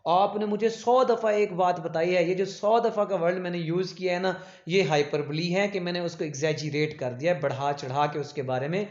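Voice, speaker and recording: A man's voice: sits high, fairly even intonation, normal speed, few pauses. Echoey male teacher. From Pakistan. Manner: repeats points as questions and answers them himself; fills with "jo hai na" and "theek hai". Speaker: English literature teacher. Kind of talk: exam-prep lecture. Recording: echoey room, dull lo-fi sound.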